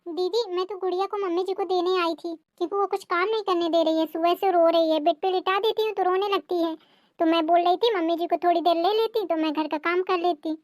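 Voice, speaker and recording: Cartoon daughter-in-law, young mother, weary and pleading, voiced by a woman; high, dry sound. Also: fairly even intonation, fairly quick, no echo. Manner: pleading, explaining. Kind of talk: cartoon family drama voicing.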